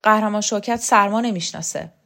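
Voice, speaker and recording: A woman reader voicing a blunt, stubborn man with a hoarse voice, fiercely loyal to his leader. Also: medium pitch, fairly bright tone, lightly acted. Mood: defiant. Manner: blunt, defiant.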